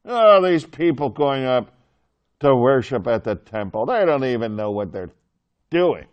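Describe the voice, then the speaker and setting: A man voicing scornful religious leaders, talking slowly with snarling contempt while teaching a Bible class. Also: mid-range voice, very animated, dull audio. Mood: sneering. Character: sneering, scornful temple leaders, grown men.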